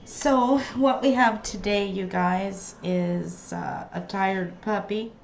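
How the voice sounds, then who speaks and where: A woman with a medium-pitched voice and vocal fry chats slowly on a casual livestream from her craft room, trailing off mid-sentence. The sound is hollow and tinny, like inside a tin can, over echoey, dull lo-fi audio with faint background noise.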